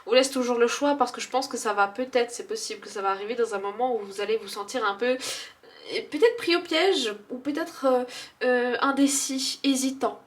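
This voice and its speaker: Chatty French woman reading tarot. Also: on the high side. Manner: chatty, hesitant, many fillers, laughs often. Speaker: tarot card reader. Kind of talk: casual spoken tarot reading.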